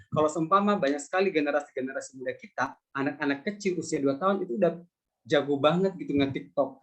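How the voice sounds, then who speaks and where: Man lecturing with a slightly high voice. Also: low-quality recording. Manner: conversational, with fillers and repeated phrases. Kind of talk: public lecture answering questions.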